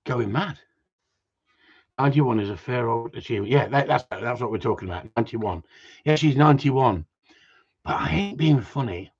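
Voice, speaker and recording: Bloke rambling and swearing on a stream, husky and all over the place pitch-wise, dull lo-fi sound. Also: male voice, lively intonation, normal speed, long pauses. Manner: swears a lot, jumps between topics, loud outbursts. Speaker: gundog breeder livestreaming. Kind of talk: rambling casual chat to viewers.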